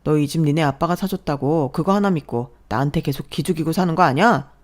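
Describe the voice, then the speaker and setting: A woman's voice: sits low, fairly quick, lightly acted. A woman voicing a fed-up young wife who firmly stands up to her mother-in-law and husband. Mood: heated. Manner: firm, heated.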